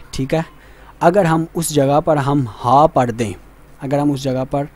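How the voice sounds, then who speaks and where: A man teaching a Quran reading lesson, patient, repeating points and asking checking questions, saying Arabic letters slowly and carefully. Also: mid-range voice, a little mellow.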